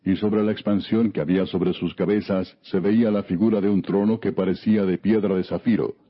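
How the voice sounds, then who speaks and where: A man with a deep, somewhat raspy voice narrates scripture. His reading is scripted, measured and solemn throughout. The recording sounds dull and lo-fi. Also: steady tone. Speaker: Bible narrator. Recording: dull, lo-fi audio.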